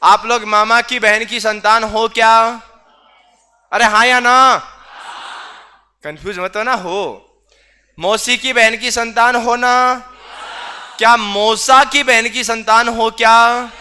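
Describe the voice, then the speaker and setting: A man's voice: very high voice, fairly even intonation, slow, long pauses, bright, forceful tone, smooth. A man teaching a class, quizzing students with repeated questions and teasing asides. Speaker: reasoning teacher. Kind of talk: online class lecture.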